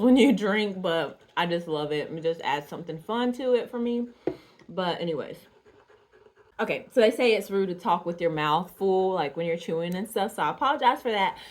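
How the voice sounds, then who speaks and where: A woman from Georgia talks casually to her viewers, filling pauses with ums and soft laughs. Her voice sits a little low for a woman. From Georgia, USA. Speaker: doll artist vlogger. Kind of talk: casual chat to camera.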